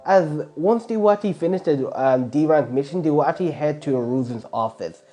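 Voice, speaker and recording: Mellow-voiced man rambling through a fan story. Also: a little high, brisk, soft background music. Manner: rambling, heavy filler words and restarts. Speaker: fan fiction narrator. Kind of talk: casual improvised story narration.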